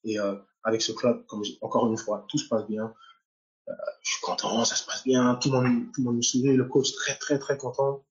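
A young man originally from Nigeria recounts his testimony as a footballer, pitch sitting in an ordinary middle range. He speaks haltingly, repeating words and restarting sentences as he goes. The recording has a slightly dull, muffled tone. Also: little pitch movement. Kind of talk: personal faith testimony.

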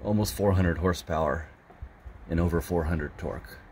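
Deep-voiced man giving a halting tour. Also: darkish tone, a little hiss or hum. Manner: halting, explains step by step. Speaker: truck camper owner giving a tour. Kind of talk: casual show-and-tell.

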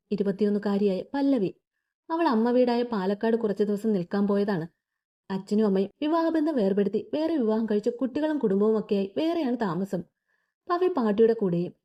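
Female storyteller, steady expressive read, muffled lo-fi recording. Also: a little high. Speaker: story narrator. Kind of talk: scripted story narration.

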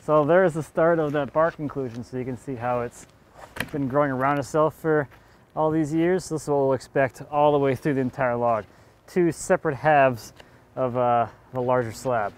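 In a mid-range, steady voice at a moderate pace, with a slight hiss or hum, a man in his thirties narrates his sawmill work. Standing outdoors in the mill's yard, this woodworker saws a log, thinks aloud casually, and chuckles now and then.

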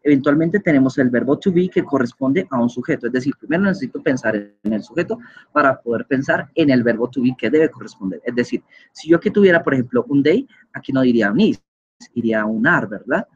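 A man's voice: medium pitch, expressive, brisk, husky, lo-fi sound. A man giving an online grammar lecture as a teacher, patient and explanatory, often checking in with his listeners. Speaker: English teacher.

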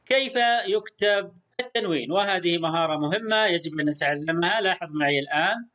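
A male primary school teacher giving a recorded lesson, patient, repeating sounds slowly and praising the pupils often. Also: on the high side, bright, forceful tone.

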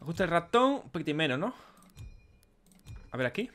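A man from Spain with a Spanish accent, commenting excitedly on a game he plays, swearing often and yelping at the action. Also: fairly high pitch, moderate pace, background noise. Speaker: gaming streamer. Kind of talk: let's play commentary. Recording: game music behind.

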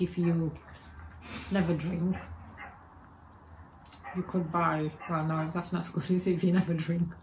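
A rough recording with a little hiss or hum captures an English vlogger in her forties chatting casually to camera indoors at home. Her fairly low, slightly mellow voice has a Birmingham accent with Jamaican and Egyptian traces, and she rambles and corrects herself in front of spooky shelves, filmed on a webcam or phone camera at her desk.

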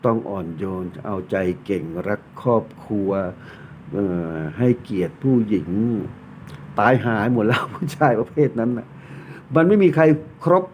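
A man's voice: on the low side, big pitch swings, normal speed, darkish tone. A man reading tarot cards, explaining a card in a casual, blunt and joking way, swearing freely. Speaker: tarot reader. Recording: tinny phone-like sound, faint noise.

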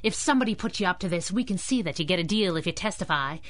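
Sassy low-voiced heroine Kit Baxter played by an actress. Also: female voice, expressive, fast, dry recording, natural voice. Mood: cool, needling. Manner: teasing, slangy pet names. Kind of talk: 1930s radio acting. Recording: background noise and ambience.

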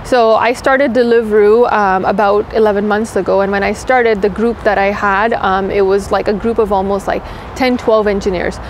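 A young woman who grew up in Toronto, answering interview questions in a quick, chatty way with lots of "like" fillers, recorded outdoors in a city courtyard. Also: medium pitch, fairly even intonation, a little hiss or hum. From Pakistan, raised in Toronto. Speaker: engineering director, interview guest.

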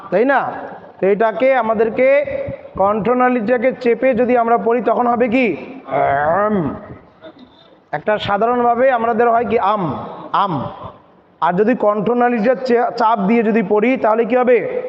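A man teaching Quran reading step by step, drilling letters and syllables and answering his own questions. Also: sits high. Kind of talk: step-by-step recitation lesson. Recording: dull reverberant hall sound, faint noise.

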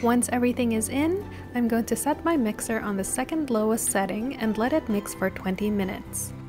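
A woman's voice: a little high, normal speed. Woman narrating a recipe over music. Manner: steady step-by-step instructional delivery. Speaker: cooking channel host.

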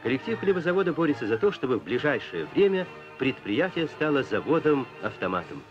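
Give me a man reading an old newsreel in a solemn, declamatory way, his pitch rising and falling widely. The sound is dull and lo-fi, with music clearly underneath. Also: very animated, brisk. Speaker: newsreel narrator. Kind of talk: scripted newsreel narration.

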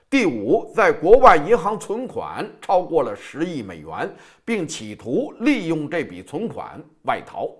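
Animated male history storyteller. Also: a little high. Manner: recounts events and reads quoted lines aloud. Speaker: host.

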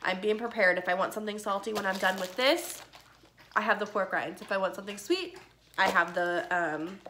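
A young woman vlogging casually about her diet, her voice bright and forward despite a stuffy nose from a cold. She rambles along with plenty of ums and restarts. It sounds like a handheld phone in a home kitchen. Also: medium pitch, fairly even intonation, a little fast, a little hiss or hum. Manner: chatty, rambling with many ums.

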